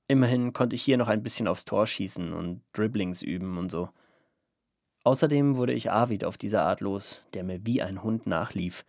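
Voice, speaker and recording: A man narrating a first-person story in a calm, even storytelling manner. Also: on the low side, vocal fry, no echo, clean studio sound. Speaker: audiobook narrator.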